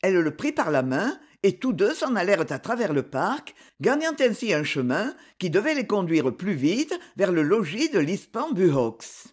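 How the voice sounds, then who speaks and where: Woman narrating with lively, melodic intonation. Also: on the low side, normal speed, hardly any pauses, slightly rough. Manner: expressive, melodic storytelling. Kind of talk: scripted narration.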